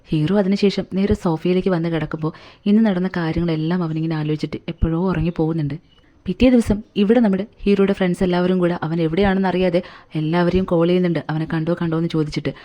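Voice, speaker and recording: A woman's voice: on the low side, lo-fi sound. A woman retelling a film's story in a chatty, colloquial way, as a movie recap narrator.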